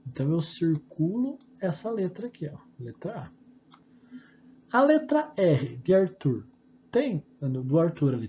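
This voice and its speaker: A man's voice: fairly high pitch, dark tone. Patient Brazilian man teaching small kids. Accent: Brazilian Portuguese. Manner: patient, slow and sing-song, spelling out steps for small kids. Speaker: preschool teacher. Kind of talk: explaining homework to young children. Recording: dull lo-fi audio with faint background hum.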